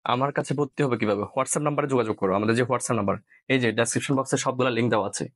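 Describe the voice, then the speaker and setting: A man from Bangladesh teaching a live online science class, repeating points and checking if students follow. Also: mid-range voice. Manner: quick, repeats points, asks "clear?"; mixes in English words.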